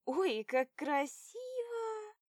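A woman voicing a tipsy young woman who exclaims loudly and drags out her words. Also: on the high side, animated, no room sound, clean studio sound, exaggerated voice. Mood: drunk, giddy. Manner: loud, drawn-out exclaiming.

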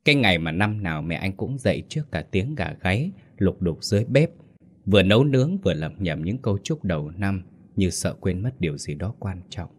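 Deep-voiced man narrating a sad story. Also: big pitch swings. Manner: slow, gentle, somber reading.

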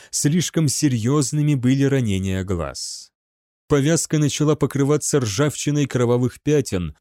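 A man narrating an audiobook in an even, measured storytelling manner. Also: mid-range voice, no echo, clean studio sound. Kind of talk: scripted narration.

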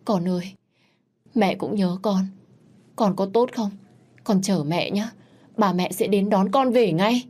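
A woman's voice: mid-range voice, slow pace, pauses often, dark tone, pitched above the performer's own voice. Worn-out grieving mother, read by a woman. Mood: tender. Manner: tearful, weary. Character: exhausted grieving young mother.

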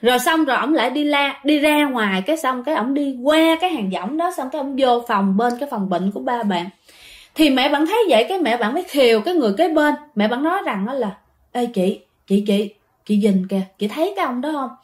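A woman's voice: sits high, lively intonation, fast. A woman, telling a ghost story in a casual, chatty way and speaking straight to her listeners. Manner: chatty, addresses listeners directly.

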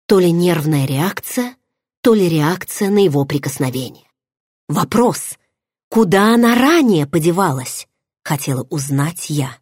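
A woman with a low, husky voice reads a romance novel aloud, bringing feeling and drama to each line. The recording is close and dry, with no room sound. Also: lively intonation, measured pace, darkish tone, no echo. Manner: emotive, dramatic reading. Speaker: audiobook narrator. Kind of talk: first-person novel narration.

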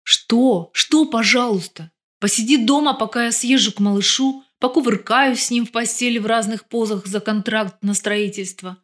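A woman voicing a bitter, sharp-tongued young woman with raised outbursts in an audiobook. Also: a little high, normal speed, hardly any pauses, close to an everyday voice. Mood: angry.

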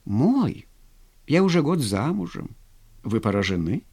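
A man's voice: mid-range voice, very animated, measured pace, a little mellow, slightly rough, exaggerated voice. A man reading a story, voicing a young married woman who mocks her suitor in a languid, teasing way. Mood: coolly mocking. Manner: languid, mocking.

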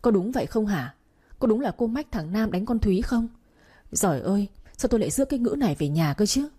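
A woman's voice: mid-range voice, animated, fairly quick, dark tone, husky. A woman voicing a harsh, scornful older mother-in-law who scolds bluntly and dismissively. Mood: scolding.

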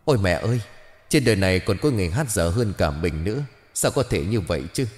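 A man's voice: low voice, expressive, quick pace, darkish tone, big-room sound. A man voicing a vengeful young female ghost who snarls and threatens, in a horror storybook. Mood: enraged.

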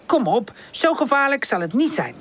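A woman voicing a cheerful, eager young male puppy in an audiobook, with a high, bouncy child-like voice. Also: very animated, moderate pace.

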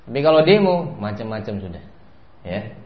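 This sermon lecture comes from an Islamic preacher whose medium-pitched voice has a sing-song quality at a moderate pace. He keeps repeating a fixed phrase and rises sharply when emphasizing. The recording is lo-fi, dull, and echoey.

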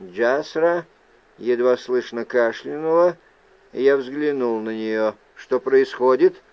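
A man narrating an audiobook in a measured, even storytelling manner. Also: medium pitch, clear, resonant tone, no echo, highs cut off. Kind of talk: scripted narration.

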